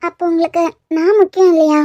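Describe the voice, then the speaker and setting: A woman's voice: very high voice, fairly even intonation, quick pace, warm tone, no room sound, dull audio, voice pushed up. A woman with a Kanyakumari Tamil accent voicing a clingy, pleading young wife in a cartoon web series. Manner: whiny, pleading.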